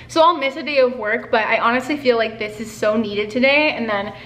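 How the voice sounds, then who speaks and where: A young woman in her twenties, an artist, vlogs casually to a camera on a stand in her home living room and kitchen, using lots of filler words and busy hand gestures. Her voice is on the high side and fairly bright, and she talks fairly quickly. The room echoes, with slight background noise.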